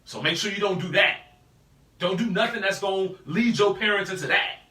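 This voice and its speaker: Bright-voiced man teaching Bible study. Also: high voice, moderate pace, echoey room, recorded from a distance. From United States. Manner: animated, peppers talk with rhetorical "right?"; casual, slangy preaching voice.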